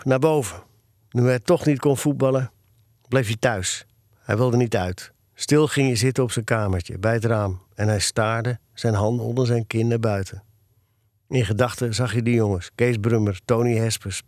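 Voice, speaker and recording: A man narrating a children's story in a calm, even reading voice. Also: medium pitch, no echo, clean studio sound. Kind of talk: audiobook storytelling.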